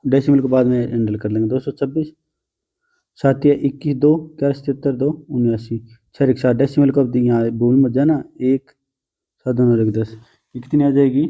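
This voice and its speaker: A man's voice: medium pitch, steady tone, normal speed, muffled recording. A man teaching a math lesson to students, patient and coaxing, often calling them "beta" and teasing them a little.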